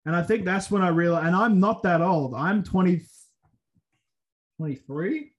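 Young male podcast host, crude and rambling, slightly high-pitched. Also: normal speed, lo-fi sound. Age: 20s. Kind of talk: casual podcast chat.

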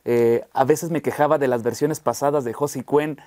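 A male interview host with a medium-pitched voice leads a casual conversation. His sound is dry and close with no room echo, and he keeps things supportive with brief agreeing remarks. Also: steady tone, normal speed, dark tone. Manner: supportive, short affirmations.

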